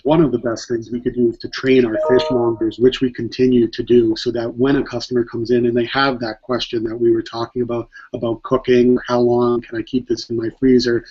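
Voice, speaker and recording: A man's voice: mid-range voice, flat delivery, a little fast, few pauses, darkish tone, highs cut off, slight background noise. A man speaking for a grocery chain's seafood side, talking steadily and practically in a panel discussion.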